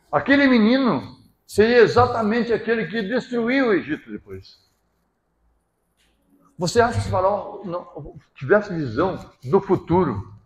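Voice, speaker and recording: A male pastor with a Gaúcho accent from southern Brazil, preaching with emphasis, swinging between loud bursts and low asides and often checking that the listeners follow. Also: dull audio, a little hiss or hum. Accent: Gaúcho Brazilian Portuguese. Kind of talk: sermon. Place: church hall. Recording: roomy church hall echo.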